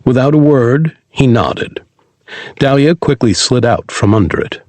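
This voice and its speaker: A man reading a sci-fi audiobook aloud in an animated, dramatic way. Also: medium pitch, measured pace, no echo. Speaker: audiobook narrator. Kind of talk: scripted audiobook narration.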